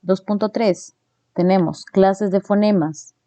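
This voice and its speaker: A woman teaches a phonetics lesson in a mellow, warm voice. She tags her points with quick checks to her listeners and sounds out examples slowly. The recording is dry and close, with no room sound. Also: medium pitch, fairly even intonation, dry recording. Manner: explains slides, checks in with "¿no?"; demonstrates sounds slowly and deliberately.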